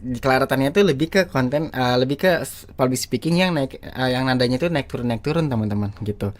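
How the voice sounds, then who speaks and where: A man's voice: mid-range voice, brisk. Chatty man teaching with lots of fillers. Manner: chatty, repeats himself, many fillers and restarts. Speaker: YouTube teacher of public speaking. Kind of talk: casual screen-share lesson.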